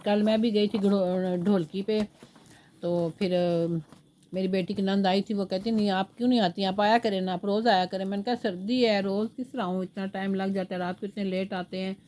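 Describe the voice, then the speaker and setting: Mellow and mid-range, this older woman's voice stays steady at a normal speed even with her sore throat. She chats in a casual home vlog, rambling through stories and cooing baby talk to the grandchild sitting with her indoors.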